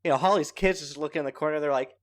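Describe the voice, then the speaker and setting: A playful man co-hosting a horror film podcast, quick to laugh. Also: fairly high pitch. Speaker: podcast co-host. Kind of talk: casual film review chat.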